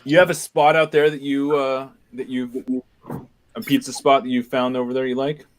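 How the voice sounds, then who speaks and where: A man's voice: mid-range voice, little pitch movement, normal speed. Chatty man hosting while eating. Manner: chatty, talks with his mouth full. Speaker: podcast host. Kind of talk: casual chat.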